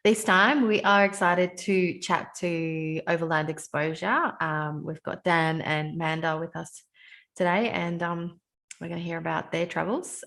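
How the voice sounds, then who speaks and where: A woman's voice: fairly low pitch, a bit bright. A woman with an Australian accent hosting a travel podcast, asking friendly, chatty questions with an occasional "um". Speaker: podcast host. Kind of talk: casual interview chat.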